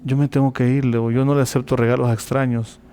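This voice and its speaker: A man's voice: mid-range voice, flat delivery, quick pace, dark tone. A man telling a personal faith testimony as an interview guest, acting out the dialogue vividly.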